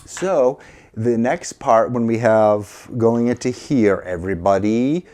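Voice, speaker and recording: A man's voice: mid-range voice, slow, mellow. A middle-aged man teaching a casual piano lesson, encouraging and counting aloud, a little sleepy. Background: piano playing.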